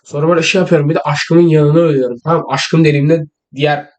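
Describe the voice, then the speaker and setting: Teen boy vlogger, playful and rambling, slightly high for his age. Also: fairly even intonation, quick pace. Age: teens. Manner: joking, teasing, rambling. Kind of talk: casual chat to camera.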